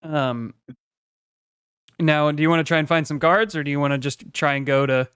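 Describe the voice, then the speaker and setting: A man narrating as game master of a tabletop game, relaxed and rambling, with many ums. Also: on the high side, moderate pace, clear, resonant tone, no room sound, studio quality.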